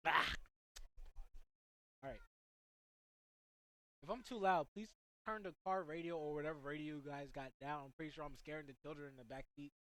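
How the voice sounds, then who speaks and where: This teenage high schooler is doing excited, breathless commentary on a soccer match, drifting into side remarks for the audience. He talks at a normal speed with frequent pauses, and the recording has no echo.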